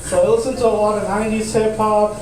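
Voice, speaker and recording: This Tucson, Arizona man in his twenties talks fast in a high-pitched, slightly mellow voice with fairly even intonation. He's doing a loose, crude comedy club set and laughing at his own material, heard through distant, echoey, noisy audio.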